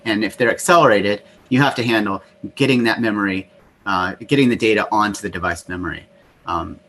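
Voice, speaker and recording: A man's voice: on the low side, fairly bright tone. A man giving a technical talk on a video call through a laptop mic next to its whirring cooling fans, explaining with frequent restarts. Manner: explanatory, restarts often with "you know". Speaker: software developer presenting. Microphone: laptop built-in mic next to the cooling fans. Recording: laptop fan noise under the voice.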